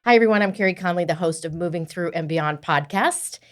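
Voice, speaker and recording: A woman in her sixties hosting a podcast, chatting warmly with her guest and often checking in with "right?". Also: on the low side, brisk, loud music behind the voice. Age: 60s. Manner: warm, affirming, often says "right?". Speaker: podcast host. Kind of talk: casual interview chat.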